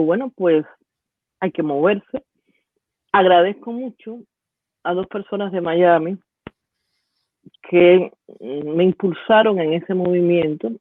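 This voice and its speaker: Cuban-accented woman guest, reflective and halting, dry phone-thin line. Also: on the low side, no room sound, phone-quality sound. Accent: Cuban Spanish. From Cuba. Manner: thoughtful, with frequent restarts and hesitations. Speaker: guest, university professor and poet. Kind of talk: reflective storytelling interview.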